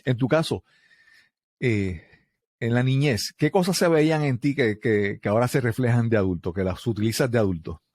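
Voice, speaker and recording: A man's voice: medium pitch, a little mellow, no echo. Friendly male podcast host. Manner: friendly, chuckles often, halting with restarts. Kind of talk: casual interview chat.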